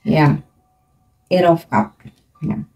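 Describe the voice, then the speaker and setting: Chatty woman reading tarot, mellow voice. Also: low-pitched, fairly even intonation, vocal fry, soft background music. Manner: chatty, drawn-out fillers, frequent light laughs. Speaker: tarot reader. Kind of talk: casual tarot reading monologue.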